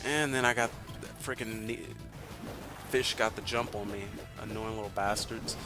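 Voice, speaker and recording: A man's voice: lowish voice, fairly even intonation, normal speed. A man from Texas giving casual, rambling commentary while playing a video game. He swears freely and fills his talk with ums and uhs. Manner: rambling and profane, with many fillers. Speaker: let's play host. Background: game music.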